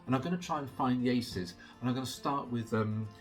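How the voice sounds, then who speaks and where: A man's voice: medium pitch, a little fast, faint music behind. A middle-aged man giving casual, chatty patter as a card magician, explaining as he handles the cards.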